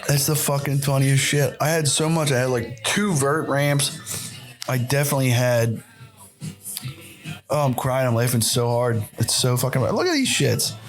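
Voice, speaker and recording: A young man hosting a podcast, reacting to videos in a loose, excitable, profanity-heavy way and laughing often into his podcast mic. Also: medium pitch, normal speed, soft background music. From United States. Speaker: podcast host. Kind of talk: casual reaction commentary.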